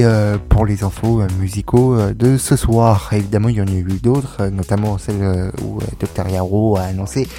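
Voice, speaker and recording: A man's voice: lowish voice, warm tone. A young man hosting a casual radio show, reading music news with many fillers and joking asides.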